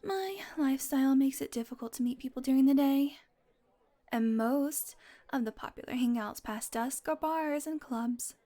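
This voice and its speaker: In an intimate audio roleplay, a woman plays a sardonic, flirtatious, possessive female vampire who teases the listener directly. Her high-sitting voice is warm and close to everyday speech, at a moderate pace. She's playful, swears casually, and sometimes drops into a breathy murmur.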